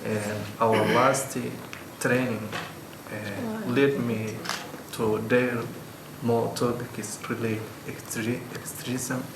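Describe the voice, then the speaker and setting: A man from Somalia introducing himself at a forum in slow, halting English. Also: medium pitch, flat delivery. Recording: echoey hall, distant mic, background noise.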